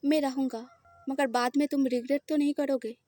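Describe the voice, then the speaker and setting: A woman with a high, fairly even and natural voice speaks fairly quickly as a protective, possessive lover calming her scared partner. Her delivery is firm and soothing, reassuring, and slightly raised in volume.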